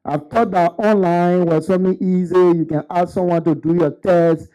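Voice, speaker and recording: Earnest male graduate, stammers on restarts, somewhat high and mellow. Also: fairly even intonation, normal speed, rough recording. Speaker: graduate giving a testimonial. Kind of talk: unscripted ceremony speech.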